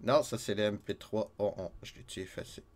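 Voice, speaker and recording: A man with a Québécois accent chatting casually while streaming a game, self-mocking and quick to laugh, a little stuffy from a cold. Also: lowish voice. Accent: Québécois French.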